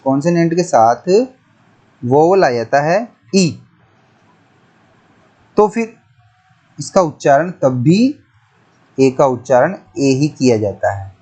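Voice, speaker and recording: Slow, methodical man teaching grammar. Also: fairly high pitch, lively intonation, mellow. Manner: slow, methodical, repeats words and spells them letter by letter. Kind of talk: classroom-style lesson explaining pronunciation.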